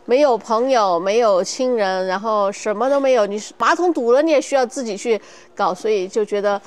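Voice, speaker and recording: A woman from China in her thirties, telling her story as an interview guest in a lively, candid, self-mocking way. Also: fairly high pitch, fairly quick. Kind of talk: casual interview chat.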